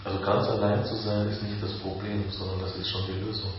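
A man, a spiritual teacher giving a calm, reflective satsang talk with slow pauses. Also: deep voice, slight background noise. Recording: echoey room from far off, dull.

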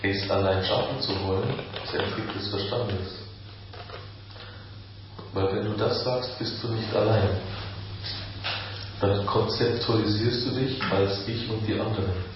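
A man, a spiritual teacher giving a calm, reflective satsang talk with slow pauses. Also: on the low side, noisy background. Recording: echoey room from far off, dull.

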